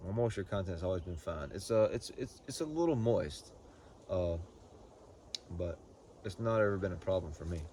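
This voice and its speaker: A man giving a casual, unscripted product review in a halting, folksy way, often repeating words as he goes. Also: sits low, lively intonation, mellow, a little hiss or hum. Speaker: pipe tobacco reviewer.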